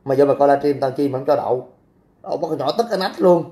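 A man's voice: mid-range voice, fast, dark tone. A young man, hosting a casual livestream, reading out comments and talking back in a brash, crude way. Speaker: livestream host.

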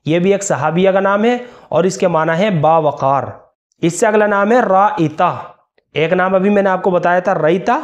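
Male cleric, higher-pitched voice, patient lesson delivery spelling out names slowly. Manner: slow, careful spelling-out of names. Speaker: Islamic scholar. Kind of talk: religious instructional talk.

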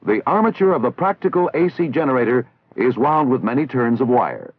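A mid-range American male voice delivers scripted army instructional narration from the 1960s, measured and didactic yet animated in intonation. The enunciation is formal, and the sound is tinny and band-limited like an old film soundtrack.

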